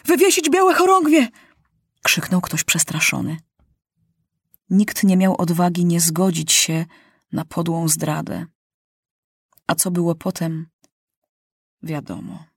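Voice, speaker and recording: A woman narrating a children's novel aloud in a measured, dramatic reading style. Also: low-pitched, flat delivery, breathy edge, no room sound, clean studio sound. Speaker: audiobook narrator. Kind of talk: storybook reading.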